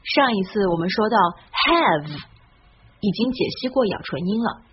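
A woman hosts an English pronunciation lesson with gentle encouragement, drawing her example words out slowly and fully. The voice track is a little dull and lo-fi, with a faint hiss underneath. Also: medium pitch, animated. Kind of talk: friendly scripted lesson narration.

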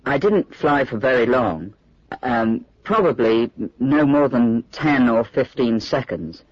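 Plain-spoken ski jumper, mid-range voice, dry and muffled. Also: male voice, mid-range voice, slow pace, breathy edge, no room sound. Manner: plain, steady recollection. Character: adult man recalling a ski jump. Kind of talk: scripted listening exercise monologue. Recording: dry muffled studio recording.

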